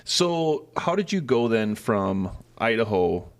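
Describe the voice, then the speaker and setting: A man's voice: medium pitch, big pitch swings, slow. A man in his forties hosting an interview, asking friendly questions and joking with an old friend. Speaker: interview host. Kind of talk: conversational interview.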